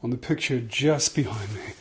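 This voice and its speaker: A British man doing an ASMR ASMR role-play, soft-spoken and slipping into speaks softly, giving insistent, repeated instructions and reassurance. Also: medium pitch, moderate pace, a little hiss or hum.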